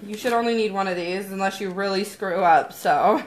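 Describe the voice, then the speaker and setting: A woman's voice: medium pitch, fairly quick, slight background noise. A young woman chatting casually with her viewers on a livestream, giggly and talkative. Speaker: vlogger.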